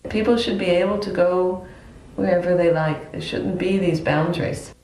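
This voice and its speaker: Woman with a lowish voice for a documentary interview, calm and reflective, roomy sound. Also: normal speed, a little hiss or hum.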